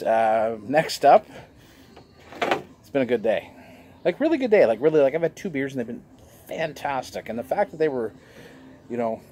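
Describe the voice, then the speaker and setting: A man's voice: on the high side, a little hiss or hum. Jovial man reviewing beer outdoors. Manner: jovial, chatty, animated gestures. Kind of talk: casual beer review vlog. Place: outdoor patio in sunshine. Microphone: fixed camera across a table.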